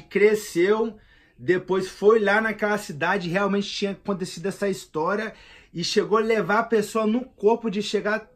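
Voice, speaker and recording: Brazilian man in his thirties, slightly high pitched, emphatic slangy vlog monologue. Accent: Brazilian Portuguese. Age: 30s. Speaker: vlogger. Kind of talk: casual monologue.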